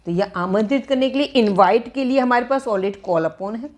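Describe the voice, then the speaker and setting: A woman's voice: on the high side, animated, moderate pace, darkish tone. A woman teaching English phrasal verbs, repeating and dictating example sentences as she explains.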